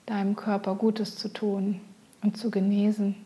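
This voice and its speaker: Female meditation guide, gentle spa-like soft whisper, dark mellow timbre, very leisurely pacing. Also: mid-range voice, completely flat delivery. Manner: soft, breathy near-whisper; gentle, soothing, unhurried.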